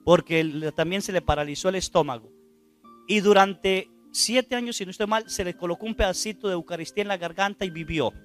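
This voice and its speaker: A priest preaching a sermon, retelling a testimony with dramatic, loud quoted lines and rhetorical questions to his listeners. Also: sits high, fairly quick, faint music behind. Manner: dramatic, acts out quoted speech loudly, asks the congregation rhetorical questions.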